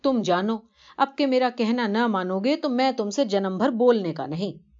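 A woman's voice: a little high, expressive, a little mellow, lightly acted. Woman as reproachful, insistent wife, storybook reading, dull lo-fi sound. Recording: dull lo-fi recording.

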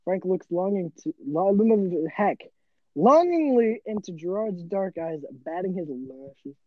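A woman narrates a fan story aloud with her friends, giggling and tripping over words. Her voice is lowish, on a dry, somewhat dull recording. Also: lively intonation, slow pace, dry recording. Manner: giggly, stumbling read-aloud. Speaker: narrator and host.

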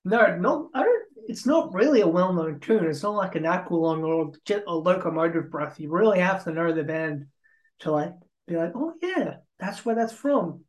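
A man hosting a casual chat show, speaking softly and hesitantly, often trailing off. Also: a little high, moderate pace, muffled recording. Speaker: host. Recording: echoey room.

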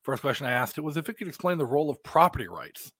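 An American man delivering a podcast monologue as host, in deliberate phrases with emphatic stresses. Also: a little high, sing-song, a bit bright, husky, no room sound.

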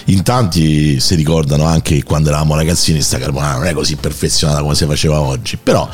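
A man's voice: extremely low pitch, fairly even intonation, fast talker. A man hosting a talk-radio show, steering the casual chat with crude jokes. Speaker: radio host.

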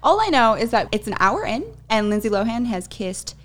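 A woman's voice: fairly high pitch, very animated, brisk, fairly bright tone. A woman co-hosting a podcast, chatting casually with friends and laughing often. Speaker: podcast co-host. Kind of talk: casual chat.

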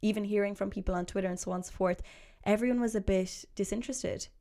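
A chatty Irish woman in her mid-twenties hosts a casual podcast, trading gossip with a co-host. She swears freely, trails off into ums, and talks at an everyday pitch. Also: fairly even intonation, fast, warm tone. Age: mid-20s. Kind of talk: casual chat.

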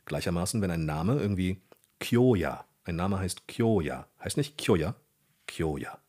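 A man with a very low, husky voice talks as a podcast guest. He explains his craft in an animated way, correcting himself as he goes. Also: measured pace. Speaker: guest, dubbing director. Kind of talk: casual podcast interview.

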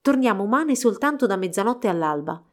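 A woman voicing a gentle, mournful young swan queen in a storybook reading, speaking softly. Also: mid-range voice, animated, a little fast, close to an everyday voice. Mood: sad soft. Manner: soft, mournful.

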